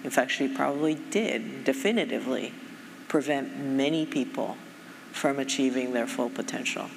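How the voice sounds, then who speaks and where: A middle-aged Japanese woman who heads a foundation speaks thoughtfully and in a measured way during an onstage conversation, using many fillers. Her voice is rumbling, low and creaky. The recording comes from a large conference stage, with a reverberant hall and faint noise.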